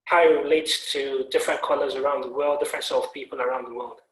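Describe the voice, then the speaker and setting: A man's voice: medium pitch, fairly even intonation, fast talker, echoey room, slight background noise, low-quality recording. A man interviewing a guest over a glitchy video call, repeating himself as he checks the connection. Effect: heard over a glitchy video call. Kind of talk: online interview.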